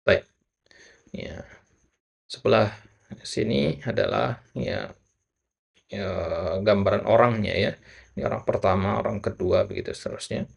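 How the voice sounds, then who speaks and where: A man's voice: on the low side, fairly even intonation, gravelly, husky. A man teaching an Arabic conversation lesson, explaining patiently and often saying "ya" between phrases. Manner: fills pauses with frequent "ya"; models Arabic phrases slowly and drawn out.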